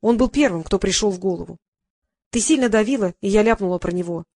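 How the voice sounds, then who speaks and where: A woman's voice: medium pitch, fast talker, a little mellow, no echo, studio quality, lightly acted. A woman voicing a tired, secretive mother in her forties who explains herself to her daughter in an audiobook. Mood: evasive. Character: weary secretive 45-year-old mother.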